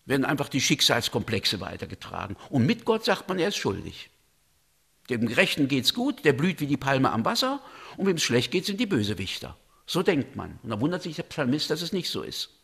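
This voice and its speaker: A man's voice: very animated, brisk, creaky, a bit bright, husky. A man giving a thoughtful, explanatory talk on a religious drama, lifting his voice when he quotes. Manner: thoughtful, explanatory, voices quotations with raised pitch.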